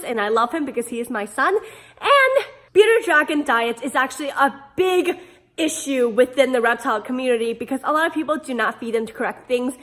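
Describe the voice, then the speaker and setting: A woman hosting a casual pet care vlog, sick and hoarse with a smoker's rasp, talking in an animated, playful way. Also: high-pitched. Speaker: pet care video host.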